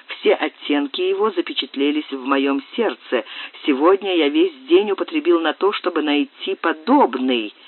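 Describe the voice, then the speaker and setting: A man reading an audiobook, voicing a proud, wounded young English lord who speaks in a slow, measured, coldly formal way. The sound is tinny and dry. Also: a little high, expressive, slightly rough, dry recording.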